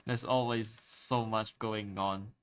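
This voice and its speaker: A young man, a native Chinese speaker with a Malaysian English accent, talks slowly while drawing on stream, rambling with frequent fillers and restarts. His lowish voice is clear, resonant and slightly bright, with fairly even intonation.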